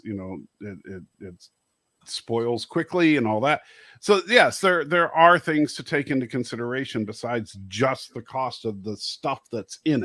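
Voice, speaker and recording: A man's voice: mid-range voice, fairly bright tone, no echo, studio quality. A man hosting a casual chat, reading out viewer comments and laughing often. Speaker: host.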